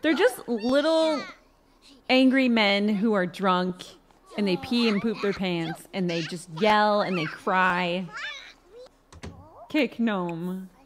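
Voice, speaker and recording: A young woman commenting casually on a life-simulation game she is playing, expressive and quick to shriek and laugh. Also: mid-range voice, noisy background. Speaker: gaming video host.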